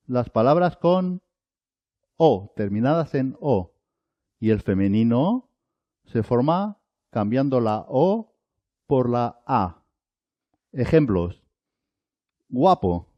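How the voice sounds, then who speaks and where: A male Spanish teacher speaks very slowly and deliberately, drilling single words with long pauses in between. His pitch rises and falls in a lively, animated way. The recording is dry and somewhat dull, lo-fi. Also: no echo. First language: Arabic. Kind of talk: slow, deliberate language lesson.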